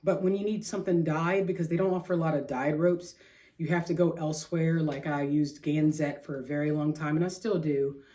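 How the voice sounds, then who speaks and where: A woman's voice: deep voice, fairly even intonation, a little fast, dark tone. A middle-aged woman hosting a craft vlog, chatting casually in a rambling, slangy way with self-deprecating humor. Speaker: craft show host.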